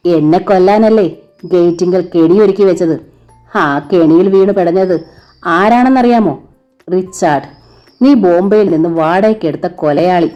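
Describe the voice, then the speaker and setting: A woman voicing a vengeful young man who shouts accusations at his father's killer. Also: fairly low pitch, a little slow, highs cut off, faint music behind, close to an everyday voice. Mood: furious. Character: vengeful young man, furious avenging son.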